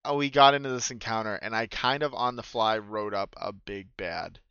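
A man's voice: fairly low pitch, normal speed, pushed and bright, clean tone, no room sound, highs cut off. A man, the dungeon master, casually retelling a tabletop session, rambling with fillers and swearing freely. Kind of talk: casual storytelling chat.

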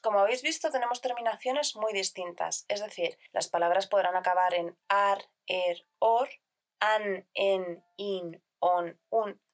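In this scripted grammar lesson, a woman who teaches Spanish speaks calmly at a medium pitch. She explains things clearly and steadily, listing examples as she goes.

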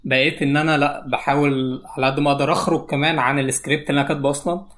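Egyptian guy just talking off the cuff, super quick, explains stuff step by step. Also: fairly high pitch, flat delivery, fairly bright tone. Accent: Egyptian Arabic. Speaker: interview guest, YouTube animator. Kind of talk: natural unscripted talk, casual interview.

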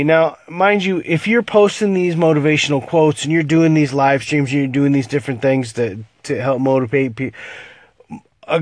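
A man's voice: mid-range voice, dry recording, clean studio sound. A man with a stuffy, nasal voice from a cold, talking earnestly to his viewers in a casual vlog and repeating himself as he warns them. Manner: earnest, cautionary, repeats words and restarts.

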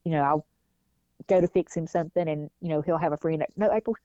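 A woman talks through a personal story in an easy interview, slipping into the voices of people she quotes. Her voice sits low and mellow. The recording is dull and lo-fi, with a dry, close sound. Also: level tone, fast talker, no echo. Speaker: guest, mother. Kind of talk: casual interview talk.

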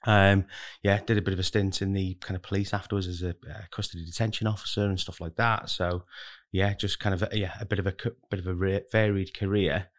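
Deep and flat in tone, this man talks fast as an interview guest on a podcast. A recruitment manager, he chats casually, rambling along and leaning heavily on hedges like "kind of" and "really."

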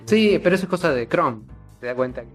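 A man's voice: fairly high pitch, expressive, quick pace, faint music behind. A man with an Argentine accent co-hosting a podcast, dropping sarcastic remarks into casual chat. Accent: Argentine Spanish. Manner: sarcastic interjections. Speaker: podcast co-host.

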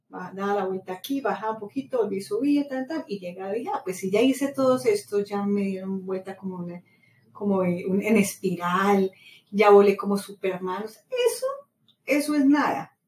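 A woman's voice: mid-range voice, normal speed. A middle-aged woman, a podcast host from Latin America, talks casually and with lots of feeling, repeats herself often and keeps telling stories. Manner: animated storytelling, many repetitions. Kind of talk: casual motivational monologue. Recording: roomy echo, mic set far off, faint ambient noise.

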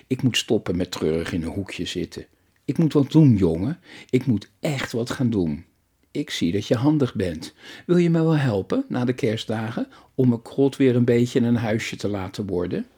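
A man voicing a lonely, grieving old widow who speaks gently and reflectively, in an audiobook story. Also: medium pitch, animated, moderate pace, breathy edge. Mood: resolved.

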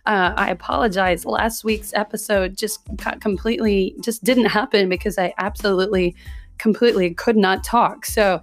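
A woman in her forties hosting her own podcast, chatting casually and directly to her listeners with a hoarse, scratchy voice from a recent illness. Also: mid-range voice, fairly even intonation, moderate pace, soft background music. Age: 40s. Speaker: podcast host. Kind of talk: casual solo podcast monologue.

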